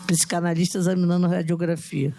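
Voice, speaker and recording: A Brazilian woman lectures at a congress, working through her points with frequent restarts and little tag questions. Her voice has a gravelly, creaky edge. A faint noise sits under the speech. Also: fairly low pitch, level tone, brisk, dark tone. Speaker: psychoanalyst lecturer. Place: conference hall.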